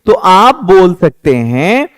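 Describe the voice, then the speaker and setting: A young man teaching a spoken English lesson, patiently explaining and slowly repeating example sentences. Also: high-pitched, very animated, clean tone, dry recording.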